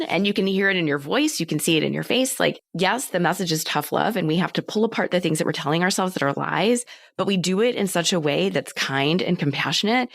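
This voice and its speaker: Low, gravelly-voiced woman podcast host. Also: no room sound, studio quality. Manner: thoughtful, measured questions with hedges. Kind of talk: podcast interview.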